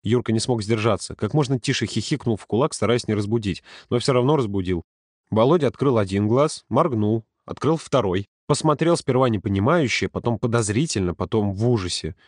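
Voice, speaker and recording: A man narrating a story in a calm, steady audiobook reading. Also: fairly low pitch, brisk, no room sound, clean studio sound. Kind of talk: scripted narration.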